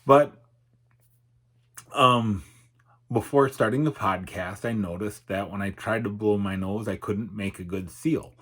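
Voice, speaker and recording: Middle-aged man, fairly low pitch, raspy husky tone, halting reflective delivery, slightly numb-mouthed articulation, personal vlog. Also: fairly bright tone. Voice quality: slightly altered articulation from facial numbness. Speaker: YouTuber and podcaster. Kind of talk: candid personal vlog, unscripted.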